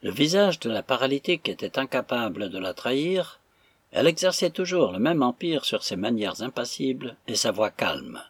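A man narrating an audiobook in an expressive, animated way. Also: mid-range voice, gravelly, breathy edge, no room sound. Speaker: audiobook reader.

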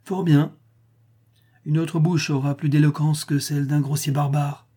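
A man's voice: on the high side, little pitch movement, measured pace, warm tone, husky, voice pushed up. A man voicing a blunt barbarian general who speaks in a dry, icy, curt tone. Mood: reproachful.

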